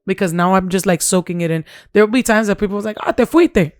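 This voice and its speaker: A woman in her thirties co-hosting a podcast, talking in an animated, chatty way and slipping in Spanish phrases. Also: mid-range voice, quick pace, clear, resonant tone, no room sound, studio quality. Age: 30s. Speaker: podcast co-host. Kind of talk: casual chat.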